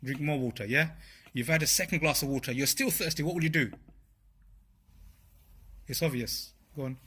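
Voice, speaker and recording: A man's voice: on the high side, normal speed, sharp tone, breathy edge. A man giving an informal religious talk to a group, speaking conversationally and often checking in with his listeners. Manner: conversational, checks in with "yeah?" and "right?". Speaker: speaker at a religious study circle.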